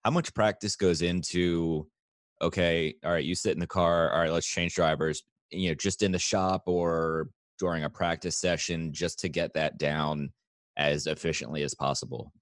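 A man's voice: deep voice, steady tone, moderate pace, no room sound, clean studio sound. A man hosting a motorsport podcast, welcoming a guest and asking friendly, conversational questions. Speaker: podcast host. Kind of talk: casual interview hosting.

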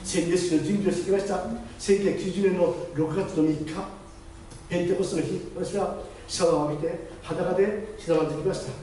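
A high-pitched male pastor tells his testimony at a brisk clip, acting out the other voices in his story. His voice is picked up from some distance in a heavily reverberant chapel, with faint noise underneath. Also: steady tone, warm tone. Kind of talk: testimony sermon. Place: church chapel. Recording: very echoey hall, distant mic, faint noise.

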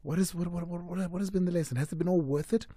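A young adult man hosting a live radio interview in a studio, animated and repeating words as he asks questions. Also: high voice, quick pace. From South Africa. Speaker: radio host. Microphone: studio mic with headphones.

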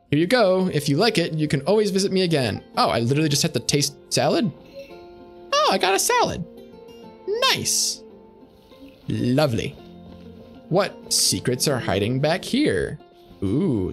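A young man talks through a game on a stream in a sarcastic, rambling way. His voice sits a bit high and jumps around with lots of animation. He chats casually as he plays. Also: vocal fry. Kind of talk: casual gameplay commentary.

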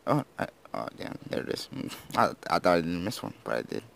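Low-voiced teenage boy gaming vlogger. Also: sing-song, brisk, creaky, a bit bright. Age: teens. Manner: rambling, self-deprecating, slurs words. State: just woken up. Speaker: gaming YouTuber. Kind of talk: casual gameplay commentary.

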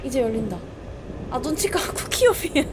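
Woman game streamer, very high and lively voice, jumpy and shrieky, with game noise behind; casual live commentary. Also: moderate pace. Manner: jumpy, shrieks and exclaims when startled.

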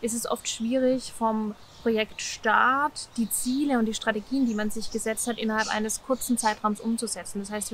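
A woman in her late thirties talks in a relaxed, chatty way, slightly high and full of soft hedging fillers. She sits outdoors on a park bench, with a faint open-air hiss behind her. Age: 30s. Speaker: volunteer project organizer. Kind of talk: interview answers to camera.

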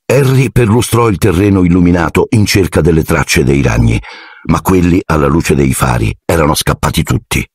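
A man narrating an audiobook in an expressive storytelling manner. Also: deep voice, moderate pace, breathy edge, no echo, studio quality. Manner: expressive storytelling, shifting into character voices. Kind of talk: scripted narration.

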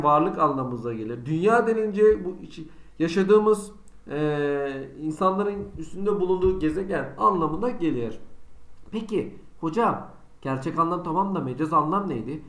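A man teaches a school lesson online, his voice sitting a little high for a man. He keeps putting students' questions to himself and answering them with chatty, teasing examples. The room around him rings with echo. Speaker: Turkish teacher.

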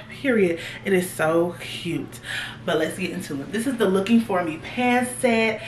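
A woman's voice: medium pitch, slight background noise. A young woman, chatting casually to viewers as she tries on clothes in a fashion haul. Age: 20s. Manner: chatty, talks straight to viewers. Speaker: fashion vlogger. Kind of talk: casual try-on haul chat. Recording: echoey room, voice a little far from the mic.

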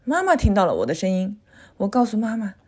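A woman reading a children's picture book aloud in a clear, expressive storytelling delivery. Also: mid-range voice, quick pace.

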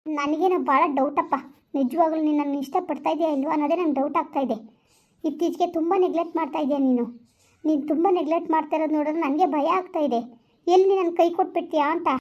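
Skit: woman playing a hurt young girlfriend, very high, fast and reproachful, dull lo-fi sound. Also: steady tone, darkish tone, close to an everyday voice. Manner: reproachful, repeats herself. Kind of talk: village skit phone-call acting.

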